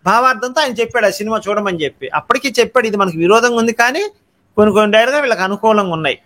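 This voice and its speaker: Fast, high-voiced male host. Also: expressive, fairly bright tone. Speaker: host of a live debate. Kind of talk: live online discussion.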